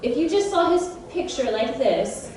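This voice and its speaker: A woman voice actress on a convention panel, chatty and animated, laughing often and quizzing the audience. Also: high voice, moderate pace. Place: large convention panel room. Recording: very echoey hall from a distance.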